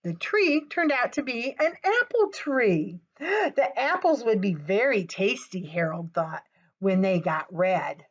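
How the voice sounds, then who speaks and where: A woman leads a children's storytime, reading aloud and addressing the little ones directly with lively animation. She speaks slowly at a medium pitch, and the audio sounds dull.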